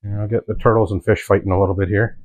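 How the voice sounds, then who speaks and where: A man's voice: on the low side, level tone, rapid-fire, darkish tone, dull audio, a little hiss or hum. A man who keeps animals on his farm, explaining things in a plain, matter-of-fact way outdoors. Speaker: animal keeper and farmer. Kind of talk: casual explanation.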